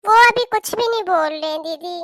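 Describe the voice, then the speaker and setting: A woman's voice: very high-pitched, a little fast, dry recording, clean studio sound. Woman voicing a meek young bride in a cartoon. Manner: soft, respectful. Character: meek polite young newlywed daughter-in-law. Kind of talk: cartoon voice acting.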